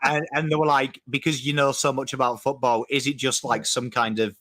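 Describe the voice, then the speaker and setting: A man's voice: mid-range voice, flat delivery, a little fast, background noise. A man with an English accent, a guest YouTuber joking and chatting on a live stream. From England. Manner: joking, hypes the audience. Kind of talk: casual live-stream chat.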